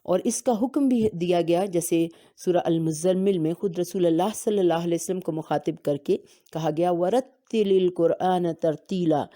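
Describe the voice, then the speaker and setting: A woman giving a religious lesson on reciting the Quran, explaining steadily and reciting Arabic verses slowly. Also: lowish voice, mellow. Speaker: Quran teacher.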